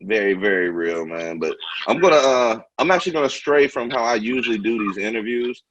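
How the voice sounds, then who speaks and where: A man's voice: medium pitch, animated, brisk, fairly bright tone, muffled recording, slight background noise. A man from Kansas hosting a casual video-call interview, laid-back and slangy with lots of fillers. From Kansas, American Midwest. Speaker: host.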